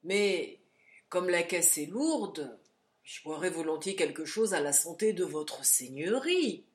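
A woman voicing a gruff, grumbling hotel porter who mocks a guest in a storybook reading. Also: on the low side, animated, slow. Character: grumbling burly hotel porter, sly and mocking.

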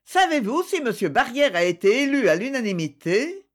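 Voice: medium pitch, very animated, moderate pace, pitched above the performer's own voice, lightly acted. A reader voicing a proud young woman, the innkeeper's daughter, in an audiobook. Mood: prim. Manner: trembling, then prim.

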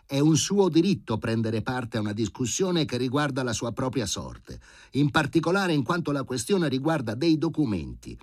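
A man's voice: medium pitch, very animated, normal speed, no echo, studio quality, voice pushed up. A man putting on a smug, pedantic bureaucrat. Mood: sanctimonious. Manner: insistent, bureaucratic and sanctimonious. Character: pedantic, smug male housing-committee official. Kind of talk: audiobook reading.

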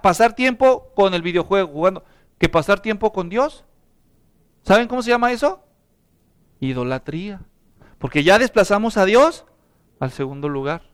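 A man's voice: high-pitched, fairly bright tone, clear, resonant tone. A middle-aged man, a pastor, preaching a sermon and asking the congregation rhetorical questions.

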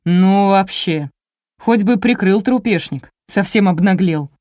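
A woman's voice: medium pitch, lively intonation, fairly quick, dark tone, dry recording, clean studio sound, lightly acted. A woman voicing a brusque male traffic police officer who barks curt orders, in an audiobook. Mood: barking. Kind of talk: audiobook character voice.

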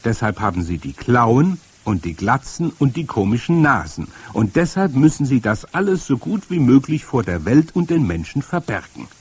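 A man reading aloud and voicing a stern old grandmother who explains things firmly, with a husky voice. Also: medium pitch, sing-song, voice pushed up. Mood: stern, lecturing. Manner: firm, lecturing, drawn-out emphasis. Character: stern old grandmother, matter-of-fact storyteller. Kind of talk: audiobook reading.

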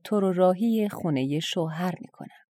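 A woman voicing a dutiful, worried old father in a storybook folktale, speaking in a gentle, pleading way. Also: on the low side, no echo, natural voice. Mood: earnest.

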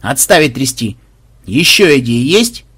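A man's voice: medium pitch, very animated, a little slow, a bit bright, slightly rough, full character voice. A man voicing a brusque male squad commander barking orders in an audiobook. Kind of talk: audiobook voice acting.

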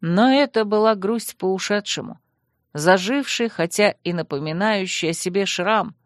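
A woman reading a first-person fantasy audiobook in an even, wistful storytelling manner. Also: mid-range voice, normal speed, no room sound, clean studio sound. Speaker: audiobook narrator.

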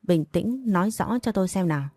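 A woman voicing a female doctor on night shift, brisk and steadying. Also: medium pitch, animated, mellow, no room sound, close to an everyday voice.

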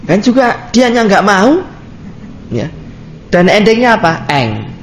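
A man's voice: sits high, measured pace, roomy sound, a little hiss or hum. A man with a Javanese accent giving a religious study lecture in a conversational way, acting out little anecdotes. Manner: conversational, mixes in Javanese, animated acted-out anecdotes. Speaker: Islamic preacher.

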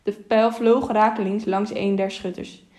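A woman narrating an audiobook in a steady, measured reading voice, with small self-corrections. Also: medium pitch. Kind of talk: storybook narration.

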